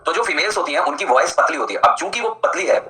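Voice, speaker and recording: A male teacher runs a live online lecture at a brisk clip. His voice is bright and forceful, and he keeps it chatty and jokey, breaking off to answer students by name. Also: fairly high pitch, expressive, reverberant, low-quality recording.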